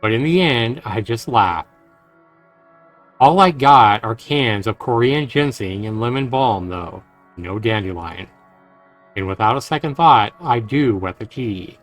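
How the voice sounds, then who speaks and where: Here a man hosting a game stream voices the text of a visual novel and talks earnestly and casually to the people watching. His mid-range voice has lively intonation and an unhurried pace, over faint game music.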